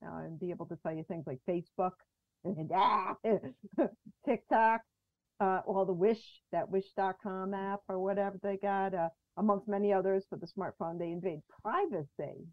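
A woman guest chatting on a video call, her audio muffled and bass-heavy with the highs cut, talking from prepared notes. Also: steady tone, normal speed, no room sound. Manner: talks from prepared notes, with small restarts. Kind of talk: casual chat on a video call. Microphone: video call through a mixer.

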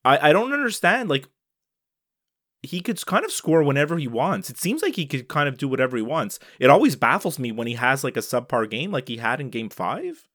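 A man's voice: medium pitch, very animated, a little fast, fairly bright tone, no room sound, studio quality. Chatty man co-hosting a podcast. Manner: chatty, many fillers and restarts. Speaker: podcast co-host. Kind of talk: casual chat.

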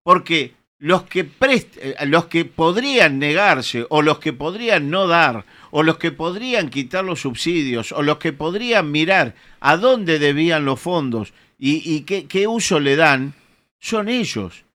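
Insistent high-voiced Argentine man. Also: sing-song, measured pace, bright, forceful tone. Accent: Argentine Spanish. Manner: insistent, lecturing, pointed. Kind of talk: heated panel debate.

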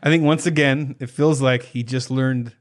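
A man's voice: medium pitch, fairly even intonation, normal speed. A man co-hosting a podcast in casual, comedic chat, joking, laughing often and singing short snippets. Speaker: podcast co-host.

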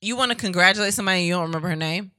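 A woman co-hosting a podcast in casual chat, blunt and profane, swinging from low mutters to loud bursts. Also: racing, no room sound, clean studio sound. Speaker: podcast co-host.

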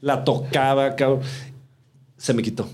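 Mexican man, casual podcast guest, slangy and animated storyteller. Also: medium pitch, measured pace. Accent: Mexican Spanish. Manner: slangy, animated, acts out quoted dialogue.

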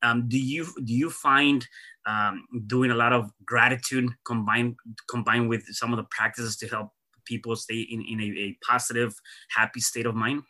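A man hosting a podcast, talking in a halting way with many repeated words and fillers. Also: medium pitch, fairly even intonation, pushed and bright. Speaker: podcast host. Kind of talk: casual podcast conversation.

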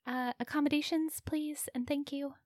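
Woman as a high-voiced, flustered, naive adventurer. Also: fairly even intonation, darkish tone, dry recording, studio quality, natural voice. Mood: shy, curious. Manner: timid, halting, apologetic. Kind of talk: improvised tabletop role-play.

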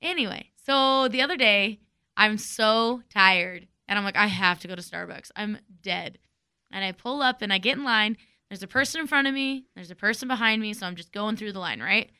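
Casual woman co-host in her thirties, high and bright, animated dramatic storyteller. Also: fairly quick, smooth. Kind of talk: casual chat.

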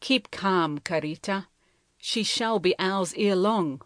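A woman's voice: medium pitch, slow pace, dry recording, clean studio sound, lightly acted. A woman reading the lines of a young male chief in a storybook, protective and pleading. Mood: low reassuring. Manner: pleading, raised voice when alarmed.

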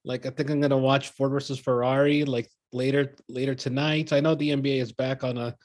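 A man's voice: mid-range voice, level tone, brisk, a little mellow. A man co-hosting and moderating a sports podcast in informal, meandering casual chat.

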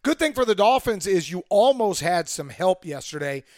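Male football podcaster, high register, worn and hoarse from a cold, opinionated and emphatic delivery, dry recording. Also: sing-song, normal speed, darkish tone, no room sound. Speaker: sports podcast host.

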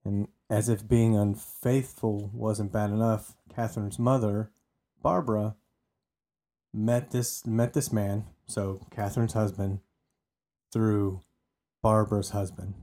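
A man's voice: on the low side, little pitch movement, slow pace, warm tone. A man co-hosting a casual true-crime podcast, chatty and often repeating words as he restarts. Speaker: podcast co-host telling the story.

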